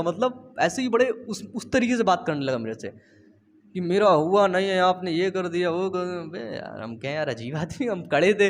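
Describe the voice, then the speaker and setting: High-voiced chatty young man teaching biology. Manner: chatty and teasing, tells students to write along. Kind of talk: casual classroom lecture. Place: home studio.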